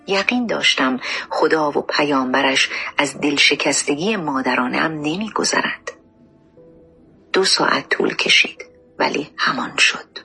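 A woman reading a first-person memoir audiobook in a soft, often hushed and emotional voice. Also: sits low, gravelly, breathy edge. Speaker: audiobook narrator.

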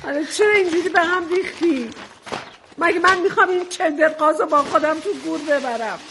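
A woman's voice: extremely high pitch, fairly bright tone, slight background noise. An actress playing a bitter, overbearing middle-aged single mother who scolds her daughter in a radio drama. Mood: scolding.

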